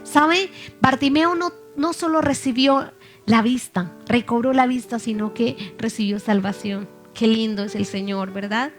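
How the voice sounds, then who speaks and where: A woman's voice: a little high, measured pace. Woman preaching a sermon over faint music. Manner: reads scripture aloud, then asks the listeners questions.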